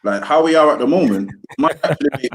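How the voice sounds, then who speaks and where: A man's voice: a little high, animated, fast talker, gravelly. A man with a London roadman accent co-hosting a football podcast, giving opinions in casual, slang-heavy banter. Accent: London, roadman-style street slang. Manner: slangy, opinionated, repeats tag phrases like a street chat. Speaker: podcast co-host.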